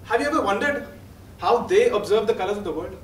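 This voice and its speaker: A young man with an Indian accent delivering a prepared humorous speech in a formal, rehearsed, theatrical way with deliberate pauses. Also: high-pitched, lively intonation. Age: young adult. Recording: roomy echo, distant mic, faint noise.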